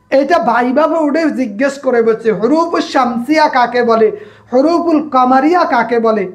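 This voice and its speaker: A woman leads a grammar class. She has a high-pitched voice, states each rule, then asks it back as a question and answers it again. She calls on students by name to check they follow. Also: darkish tone. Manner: repeats points and asks the class to echo them. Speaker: grammar instructor. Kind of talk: online class lecture.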